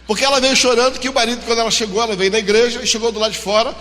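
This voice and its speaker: Brazilian male pastor, forceful high voice, lively storytelling sermon, reverberant church hall. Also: rapid-fire. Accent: Brazilian Portuguese. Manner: animated storytelling, acting out dialogue.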